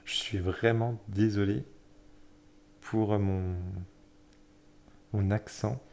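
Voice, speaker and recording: A man casually flipping through a tarot deck, talking in a hesitant way with many fillers and self-corrections, often pausing to admire a card. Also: on the low side, fairly even intonation, creaky. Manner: admiring, soft-spoken commentary.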